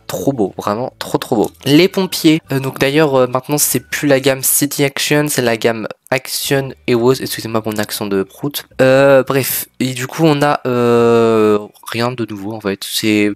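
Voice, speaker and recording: Chatty teenage boy reviewing toys. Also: fairly low pitch. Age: teens. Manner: chatty, hesitant with many fillers, blunt opinions. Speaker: youth toy reviewer. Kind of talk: casual vlog commentary.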